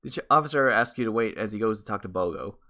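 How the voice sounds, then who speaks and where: A man's voice: on the low side, expressive, quick pace, bright, forceful tone. A man reading a text adventure game aloud, breaking off for wry comments and correcting himself as he goes.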